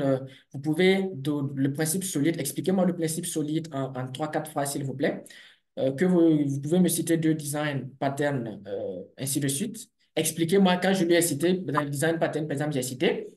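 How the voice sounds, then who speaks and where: A man, a developer and business owner, giving a lively conference talk and speaking straight to his audience while sharing his screen. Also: a little high, roomy sound. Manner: animated, conversational, addresses audience directly.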